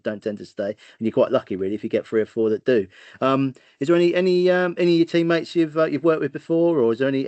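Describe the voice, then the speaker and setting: Man in his forties, rapid rambling chat, blokey interviewer, mid pitch, dry dull audio. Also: a little mellow, dry recording. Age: 40s. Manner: blokey, rambling, frequent tag questions. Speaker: host, club interviewer. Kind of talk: casual chat.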